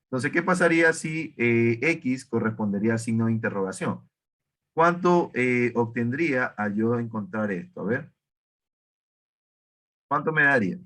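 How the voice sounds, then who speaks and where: A man's voice: medium pitch, animated, normal speed, fairly bright tone. A man teaching an online math class, asking students questions and often correcting himself. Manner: questioning, self-correcting, many fillers.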